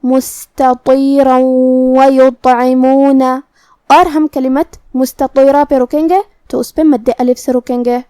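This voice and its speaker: A woman with an Urdu accent teaching Quran recitation rules, explaining pronunciation in a measured, methodical way. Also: sits high, fairly even intonation, warm tone, dry recording, clean studio sound. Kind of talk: tajweed lesson, explaining then reciting.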